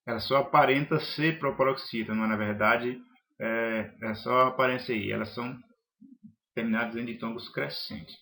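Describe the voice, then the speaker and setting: A man's voice: medium pitch, fairly even intonation, normal speed, creaky, pushed and bright. A man teaching a grammar lesson, listing examples one by one in a methodical way with some hesitations.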